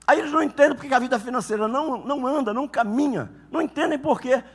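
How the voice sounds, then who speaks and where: A man preaching a sermon as a pastor, telling animated stories and acting out couples' quarrels. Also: very high-pitched, rapid-fire, long reverb tail.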